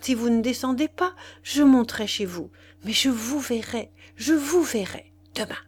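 An ardent young man pleads, urgent and insistent, in a storybook reading, as a woman narrator voices him in her own slightly raised tone. The lines push forward warmly, and the voice keeps its natural high register. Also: expressive, a little fast, a little hiss or hum, close to an everyday voice. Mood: pleading.

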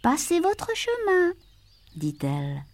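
An innocent young princess speaks lightly and a bit higher as a woman puts her on, naive and trusting. A gentle storybook heroine. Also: huge pitch swings, slow, heavily acted. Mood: earnest.

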